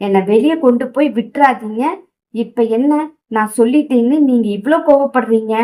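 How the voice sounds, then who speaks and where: A woman voicing a young wife who pleads tearfully and defiantly, in a raised, higher voice. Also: a little fast, warm tone, close to an everyday voice. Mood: tearful pleading.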